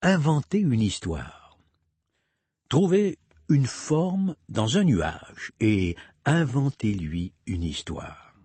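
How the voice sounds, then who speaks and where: A man reads aloud at an unhurried pace, his husky voice swinging widely and playfully in pitch. He breaks into a children's rhyme with silly sound effects. The recording is close and dry. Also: dry recording. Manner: slow, lively reading with playful sung sound effects. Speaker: reader of a parents' literacy booklet. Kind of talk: slow read-aloud narration with sung rhyme.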